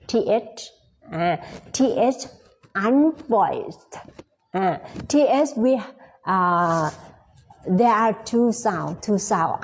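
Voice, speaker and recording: A woman with a Thai accent teaching pronunciation, modeling sounds slowly and with exaggeration and repeating her phrases. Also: medium pitch, breathy edge. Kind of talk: pronunciation lesson.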